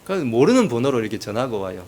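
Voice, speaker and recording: A man's voice: mid-range voice, sing-song, racing, a little mellow. A man preaching a sermon as pastor, telling humorous family stories with acted quotes.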